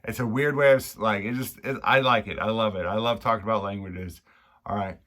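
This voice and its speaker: A man from Maine with a Maine accent, casually explaining local slang in a halting, rambling way, repeating and restarting phrases. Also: lowish voice, fairly even intonation, a bit bright. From Maine, United States. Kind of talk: casual unscripted explainer chat.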